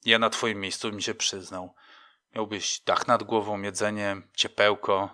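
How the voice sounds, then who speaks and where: Brief: man reading a contemptuous cop sergeant, blunt and mocking, bright voice, audiobook. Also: on the low side, little pitch movement, measured pace. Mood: scornful. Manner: scornful, blunt, sometimes shouting. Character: contemptuous male police sergeant, gruff and mocking.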